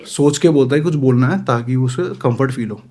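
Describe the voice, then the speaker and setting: A man's voice: medium pitch, a little fast, warm tone. A young man telling a story to friends, acting out the lines of the people in it. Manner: acts out dialogue in shifting voices. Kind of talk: animated storytelling among friends.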